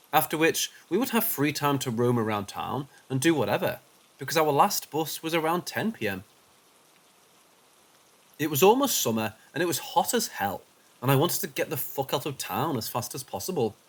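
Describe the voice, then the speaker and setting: In this scripted narration, a man recounts paranormal experiences in the first person, lowering and softening his voice at the suspenseful parts.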